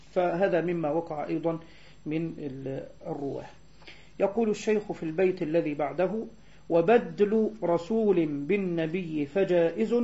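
Guy teaching a lesson, mellow voice, slows down to recite and spell stuff out, muffled lo-fi audio. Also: fairly high pitch. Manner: explanatory, slows to recite verses and spell out letters. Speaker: teacher of hadith sciences. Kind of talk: classroom lecture. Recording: dull lo-fi recording.

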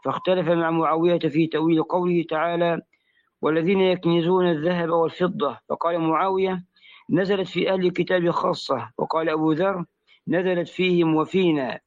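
A fairly high male voice reads a classical commentary aloud for a teacher, pausing to spell out vowel marks and letters. The sound is muffled and lo-fi, like a taped lesson. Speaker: student reading the text aloud.

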